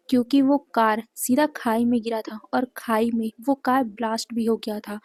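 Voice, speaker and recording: A woman's voice: a little high, dark tone, no echo. Woman telling a fanfic story, chatty, dry close mic. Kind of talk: reading a fan story aloud.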